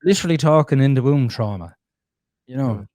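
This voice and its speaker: A man telling his life story as a podcast guest, blunt and animated, swearing freely. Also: medium pitch, brisk, dry recording. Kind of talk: candid conversational storytelling.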